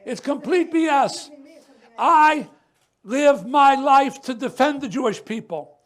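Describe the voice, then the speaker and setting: A man speaking at a news conference in an impassioned testimony style, emphatic, falling to a hush on painful memories and rising on defiant points. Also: very high-pitched. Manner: occasional stumbles and restarts.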